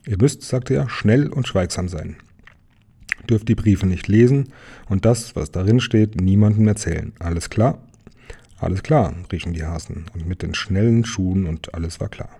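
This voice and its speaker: A man with a low, mellow, husky voice reads a children's picture book aloud. He keeps it gentle and unhurried, and now and then he adds a small aside to whoever is listening. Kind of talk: reading a children's story aloud.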